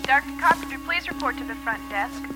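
A voice heard over a hospital intercom, making measured, repetitive paging calls to doctors. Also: high-pitched, animated. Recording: echoey, distant intercom under loud music.

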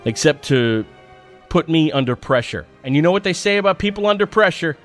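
A man telling a personal story as a monologue, in an animated, profane and self-mocking way. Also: fairly high pitch, brisk, faint music behind.

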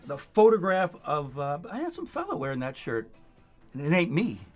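A man hosting a radio fundraiser with casual banter, speaking in a halting, repetitive, pleading way. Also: on the high side, wildly swooping pitch, faint music behind. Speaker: radio show host.

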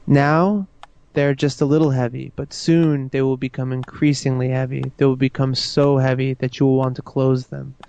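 A man talks a listener into hypnotic sleep in a slow, soothing, repetitive way. His voice is smooth and mellow, held low and even. The recording sounds dull and lo-fi. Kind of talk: guided hypnosis induction.

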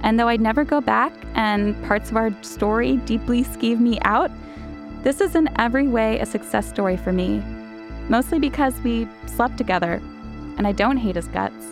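Candid woman host narrating over clear music. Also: on the high side, moderate pace. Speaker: show host. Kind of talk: personal scripted narration.

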